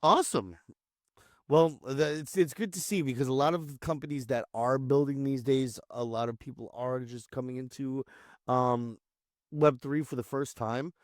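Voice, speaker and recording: A man's voice: mid-range voice, normal speed, no echo, studio quality. A man hosting a casual online interview, rambling and restarting his sentences. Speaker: community host.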